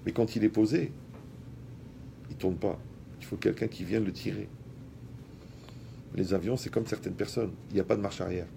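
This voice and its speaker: A man giving a lively talk to an audience. He speaks colloquially, addresses the listeners directly and uses everyday examples. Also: lowish voice, moderate pace, creaky, pauses often, noisy background.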